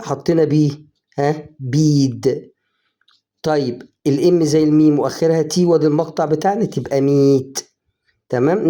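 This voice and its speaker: A man's voice: on the high side, mellow. A man with an Egyptian Arabic accent teaching English phonics in an online lesson, coaxing, often prompting the viewer and drawing out the example words. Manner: drawn-out, slowed example words.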